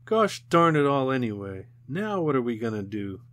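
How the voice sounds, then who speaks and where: A man's voice: on the high side, moderate pace, a little mellow, voice pushed up, close to an everyday voice. A man voicing a determined, impatient young girl, raising his voice into an eager, exasperated tone for her lines. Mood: frustrated.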